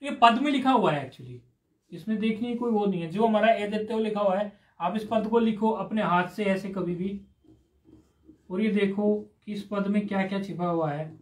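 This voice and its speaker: A high-pitched man teaches Sanskrit grammar in a live class at a moderate pace, patiently explaining each step and asking his students questions. The room is roomy and echoey.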